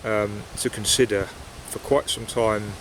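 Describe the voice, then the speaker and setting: The audio is poor on this basic outdoor recording, with wind noise and rustling leaves. A pipe-smoking vlogger in woodland speaks at a measured pace, his voice on the low side with fairly even intonation. He chats casually and reflectively, hesitant and meandering.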